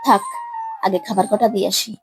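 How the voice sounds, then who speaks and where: A woman's voice: mid-range voice, steady tone, brisk, over music, natural voice, low-quality recording. A woman playing a harried village wife and mother who grumbles about her daughter and pleads with her husband. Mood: grumbling. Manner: scolding, then pleading and coaxing. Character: harried village housewife and mother, young adult.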